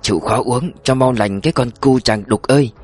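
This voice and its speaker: A man's voice: mid-range voice, a little fast, darkish tone, slightly rough, soft background music, lightly acted. A man reading the lines of a blunt, earthy old mountain woman who laments and coaxes, in a storybook. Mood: coaxing. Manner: lamenting, coaxing.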